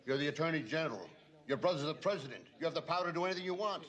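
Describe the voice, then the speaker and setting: Older domineering father, scolding, very quick talker. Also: a little high, lively intonation, a bit bright. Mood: commanding. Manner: brisk, commanding, scolding. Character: domineering older father, former government man.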